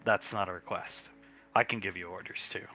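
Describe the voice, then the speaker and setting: A man's voice: lowish voice, normal speed, bright, forceful tone, soft background music, rough recording. A man playing a blunt, wry military officer briefing his squad in a tabletop game, with an authoritative manner. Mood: commanding, wry.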